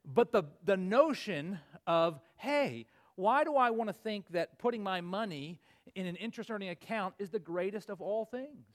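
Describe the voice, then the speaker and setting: High-voiced pastor in his forties. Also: animated, moderate pace. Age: 40s. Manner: earnest, rising to emphatic peaks then dropping low. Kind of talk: sermon.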